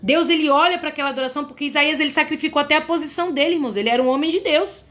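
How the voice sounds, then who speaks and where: Brazilian woman preacher, high voice, fervent sermon delivery, keeps addressing the congregation directly. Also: very fast, a bit bright. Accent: Brazilian Portuguese. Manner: fervent, repeatedly addresses listeners as brothers.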